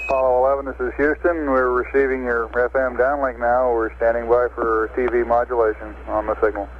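An American man working as a mission control communicator, making calm, procedural calls over a radio link. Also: mid-range voice, fairly quick. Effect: radio transmission. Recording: tinny, hissy 1960s radio link. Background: static and radio beeps.

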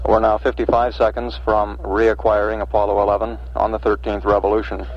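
Male mission commentator, lowish and monotone, measured and factual, on a muffled archival feed. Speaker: mission control public affairs announcer. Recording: dull archival broadcast with faint hiss.

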